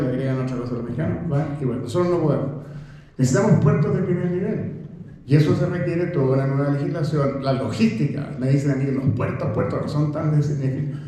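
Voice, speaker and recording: A man's voice: a little high, slight background noise. Older Chilean man in an echoey hall. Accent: Chilean Spanish. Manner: animated and conversational, with rhetorical questions and many restarts. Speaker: professor speaking at a book presentation. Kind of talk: public talk to an audience. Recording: very echoey room.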